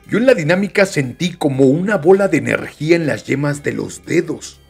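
Gravelly Mexican man reading stories. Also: a little high, big pitch swings, normal speed, soft background music. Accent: Mexican Spanish. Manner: chatty, joking asides between read passages. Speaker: podcast host reading listener stories. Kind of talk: casual storytelling reading.

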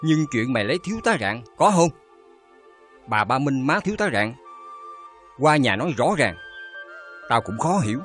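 A middle-aged actor with a Southern Vietnamese accent playing an uncle who counsels his niece calmly and firmly. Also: mid-range voice, soft background music. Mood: stern calm. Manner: calm, measured counsel. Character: calm, stern village uncle.

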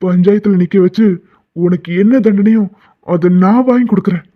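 A man voicing a loyal village servant in a cartoon, rough and threatening. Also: high voice, moderate pace, phone-quality sound. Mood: furious. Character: gruff loyal male servant of a village household.

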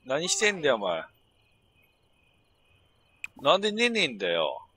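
A man's voice: on the high side, huge pitch swings, measured pace, sharp tone. A middle-aged man, muttering and grumbling his way through casual game commentary with sudden outbursts. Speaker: gameplay commentator.

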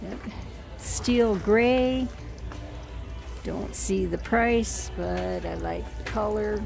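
A shopping vlogger browses an indoor outlet store with her handheld phone camera, narrating casually and musing slowly over the prices she reads out. She has a mid-range voice with vocal fry, and store music can be heard behind.

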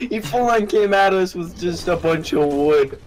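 A man chatting casually and joking loudly while playing an online game with friends on a headset mic. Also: high-pitched, normal speed, poor audio. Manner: animated, jokey, loud bursts. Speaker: gamer. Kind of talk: casual gaming chat with friends.

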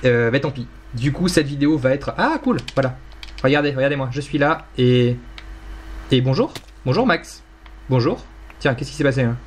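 A man's voice: mid-range voice, lively intonation, moderate pace, a little hiss or hum. A young man casually commenting on his Minecraft gameplay, rambling playfully, teasing and mocking himself. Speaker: gaming YouTuber.

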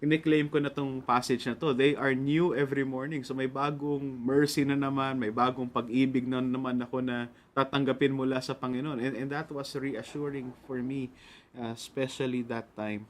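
A man's voice: mid-range voice, level tone, normal speed. Earnest Filipino man preaching devotionally. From Philippines. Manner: earnest, mixes Tagalog and English, polite "po". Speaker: radio pastor. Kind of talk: devotional sermon.

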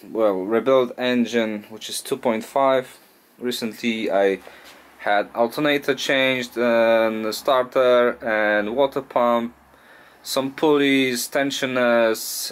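A hesitant man with a mid-range voice talks through a job in his small home garage workshop. Host of a DIY car mechanic channel, he thinks aloud in a casual workshop vlog, halting often with uh and restarts.

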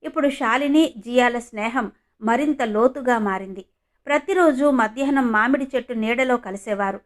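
A woman reading a scripted story as narrator, in an even storytelling manner. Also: a little high, normal speed.

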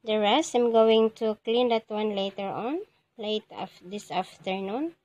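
Slow-talking Filipino woman cooking at home. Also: mid-range voice, darkish tone, no echo, lo-fi sound. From Philippines. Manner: chatty, addresses viewers as guys, frequent wow and yummy. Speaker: cooking vlogger. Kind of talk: casual cooking vlog narration. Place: home kitchen, indoors. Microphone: handheld phone camera.

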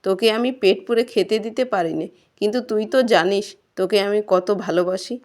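Woman reader doing a poor, gentle old village farmer, soft and pleading, storybook reading. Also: mid-range voice, a little fast, close to an everyday voice. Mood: tender.

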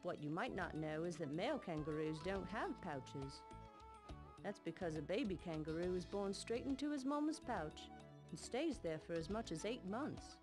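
A woman's voice: lowish voice, natural voice. A woman voicing a friendly kangaroo with a put-on Australian accent, explaining to children in an educational game.

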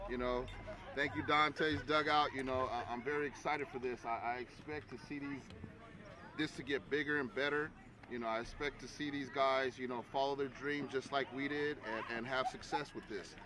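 A man's voice: mid-range voice, steady tone, moderate pace, crowd noise. A man, a baseball coach, giving an earnest and encouraging on-camera interview outdoors at a baseball field. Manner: earnest, encouraging, lots of "you know". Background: music.

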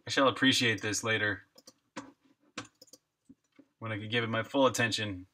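A man's voice: on the low side, steady tone, normal speed, pushed and bright, a little hiss or hum. A man live-streaming while he codes a game, chatting casually, reading viewer comments aloud and laughing often.

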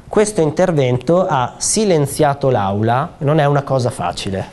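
A man's voice: mid-range voice, animated, moderate pace, a little mellow. A man presenting a proposed law at a public conference in a theater, talking in a conversational way with frequent fillers and restarts. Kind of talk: explanatory public talk. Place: theater hall.

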